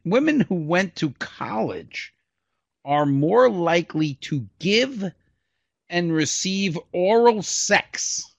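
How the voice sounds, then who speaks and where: Jokey man podcast co-host, lively pitch. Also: takes it slowly, gravelly, no room sound. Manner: jokey, laughs at his own puns. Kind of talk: comedic podcast banter. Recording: dull lo-fi podcast audio.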